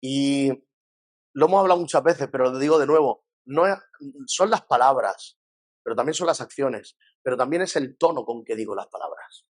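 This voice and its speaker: A man's voice: mid-range voice, moderate pace. A man with a Spain Spanish accent, a pastor giving a conversational church lesson, acting out what people say and asking rhetorical questions. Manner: lively, acts out quoted voices, rhetorical questions.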